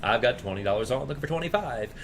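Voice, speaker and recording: A man's voice: mid-range voice, lively intonation, very fast, slight background noise. Male auctioneer chanting bids, informal. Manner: informal, chatty. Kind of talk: auctioneer's rapid, repetitive bid chant with casual asides.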